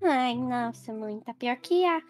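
A woman's voice: a little high, animated, slow pace, soft background music. A young woman voicing a cheeky twin sister in a Roblox roleplay story, sassy and whiny.

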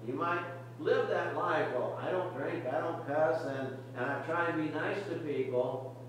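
A man's voice: a little high, measured pace, slight background noise. Older man preaching in an echoey church. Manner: earnest, repetitive exhortation with frequent restarts. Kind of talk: sermon. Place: church sanctuary, medium size, indoors. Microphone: podium mic, camera far at back of room. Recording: very echoey distant church recording.

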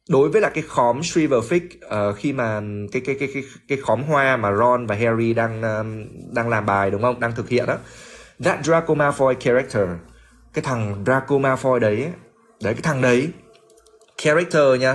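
A man runs a livestream English lesson, reading lines aloud and breaking them down. His voice sits at a middle pitch. He talks in a loose, chatty way, repeating words as he searches for them and tossing jokes to the viewers. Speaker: English teacher.

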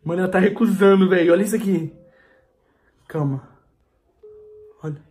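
A man's voice: high-pitched, normal speed, a little mellow. A young man pleading on a prank phone call, anxious and slangy. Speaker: vlogger pranking his girlfriend.

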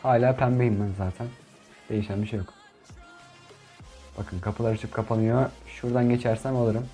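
A young man commenting on his gameplay in a casual, chatty way, who gets frustrated and shouts at opponents. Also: lowish voice, fairly even intonation, normal speed, music in the background. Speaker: gaming YouTuber.

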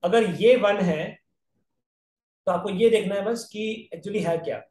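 A man's voice: sits high, measured pace, a little mellow, reverberant, recorded from a distance. A man with an Indian accent teaching a geometry lesson online, working through each step and checking in with his students. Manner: explains step by step, checks in with "right?". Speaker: aptitude exam math teacher. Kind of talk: online math lecture.

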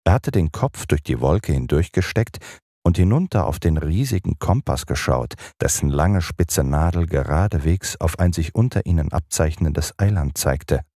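A man narrating a children's audiobook in an expressive storytelling manner. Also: extremely low pitch, normal speed, dry recording, clean studio sound.

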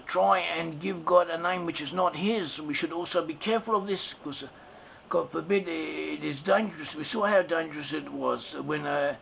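A man giving an unscripted religious lesson, halting and repeating himself, slowly spelling out letters. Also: high-pitched, gravelly. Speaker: religious teacher. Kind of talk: unscripted explanatory lecture. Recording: dull lo-fi recording with faint hiss.

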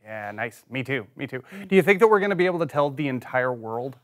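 A woman's voice: a bass voice, lively intonation, quick pace. A woman playing a hammy, goofy skit follower. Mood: chatty. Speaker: actor in a church skit. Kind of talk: comic church skit acting.

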